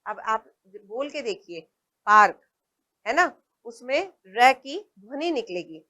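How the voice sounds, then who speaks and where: A woman teaching small children at a very unhurried pace. Her voice sits a little high, and she says each word slowly and often more than once, pausing to check that the class is following. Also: sing-song, fairly bright tone. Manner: patient, repeats words slowly and checks in with "है ना". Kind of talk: slow primary-school lesson.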